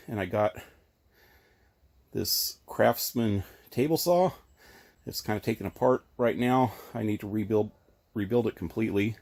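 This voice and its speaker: A man's voice: lowish voice, gravelly, darkish tone. A man giving a casual, rambling tour of his tiny workshop outdoors, filled with ums and restarts, recorded on a handheld camera. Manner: rambling, chatty, with many ums and self-corrections. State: a little out of breath. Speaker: hobby woodworker giving a shop tour. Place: outdoors at an RV park among trees.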